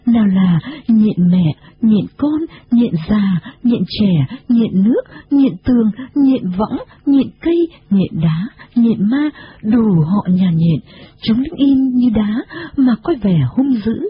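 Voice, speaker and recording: Expressive woman narrating a storybook. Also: on the high side, takes it slowly. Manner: expressive, dramatic. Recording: dull lo-fi recording.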